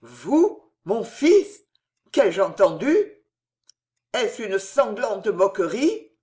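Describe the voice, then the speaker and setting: A reader voicing a proud dying old nobleman in an audiobook, declaiming loudly with anguish. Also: mid-range voice, sing-song, very slow. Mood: indignant. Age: older. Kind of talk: audiobook character reading.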